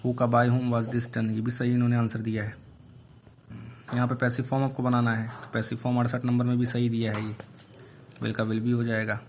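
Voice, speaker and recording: A male English teacher going through exam questions one by one, reading each aloud slowly and explaining the answers. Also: medium pitch, little pitch movement, a little mellow, a little hiss or hum. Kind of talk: online exam answer review.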